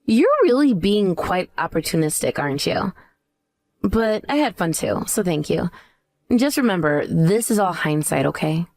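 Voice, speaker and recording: A woman's voice: lowish voice, expressive, normal speed, a little mellow. A woman playing a cool, scornful wife out for revenge in a dramatized story. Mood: pleased. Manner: taunting, cool. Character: scornful, vengeful pregnant ex-wife, coolly triumphant. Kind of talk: dramatized story dialogue and narration.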